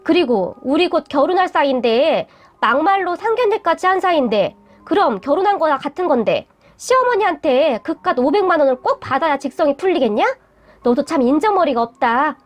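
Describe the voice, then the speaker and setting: A woman's voice: high-pitched, sing-song, a little fast, faint music behind. A woman voicing a blunt, defensive young adult boyfriend who talks curtly and dismissively. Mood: annoyed. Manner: curt, irritable, dismissive.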